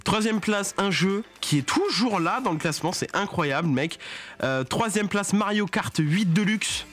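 Young male radio host, slightly high, rambling chatter full of fillers and mock exasperation. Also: animated, unhurried, fairly bright tone, faint music behind. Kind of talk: casual radio chronicle.

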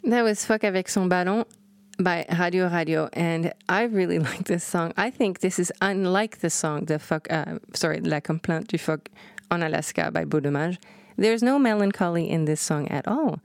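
A woman's voice: on the low side, measured pace, creaky, no echo. A woman hosting a music show, chatting casually and enthusiastically between songs and correcting herself as she goes.

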